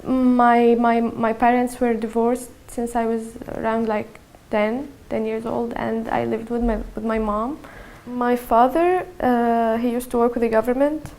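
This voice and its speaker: A young woman of twenty-one with a Syrian accent tells her story in an interview, slow to find her words and often repeating them. Her voice sits slightly high but stays level, with a gravelly fry and a dark, mellow tone. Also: flat delivery. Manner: halting, repeats words, measured and subdued. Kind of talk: personal testimony.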